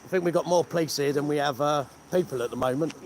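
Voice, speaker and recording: A vlogger shivering at an outdoor remembrance gathering talks to his phone camera, his commentary casual, blunt, sarcastic and full of swearing. He speaks fast in a slightly high voice while the crowd murmurs in the background.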